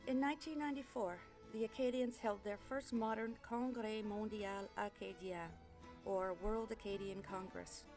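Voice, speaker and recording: A woman reading scripted documentary narration in a measured, informative way. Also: medium pitch, steady tone, darkish tone, faint music behind. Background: musical instruments.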